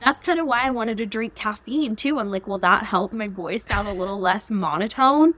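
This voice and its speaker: A young woman co-hosting a podcast, talking casually with a somewhat flat, monotone delivery. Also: mid-range voice, normal speed. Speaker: podcast co-host. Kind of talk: casual chat.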